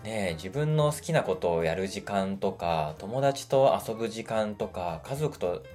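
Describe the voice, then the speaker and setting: A man with a very low voice talks casually through a solo podcast episode. He is chatty and animated, and his voice jumps up when he acts out quotes. Soft music plays faintly behind him. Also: a little slow. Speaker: podcast host. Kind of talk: casual monologue.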